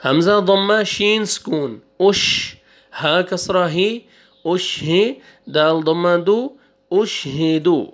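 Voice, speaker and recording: A male Quran teacher spelling out syllables one by one, drawing out the recited words and giving quick asides between them. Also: high voice, fairly bright tone. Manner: slow drawn-out recitation, then quick asides. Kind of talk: spelling out syllables in a reading lesson.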